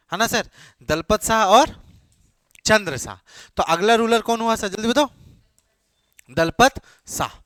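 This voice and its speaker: A man with a slightly high voice runs a classroom lecture, firing questions and repeating the answers so students can note them. He keeps urging them to answer quickly. The sound is dry and close, with no room echo. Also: a bit bright. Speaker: teacher.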